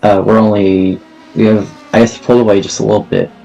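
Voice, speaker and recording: Brief: male co-commentator, very deep, husky, halting delivery. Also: level tone, mellow, faint music behind. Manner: hesitant, halting. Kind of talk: sim racing commentary.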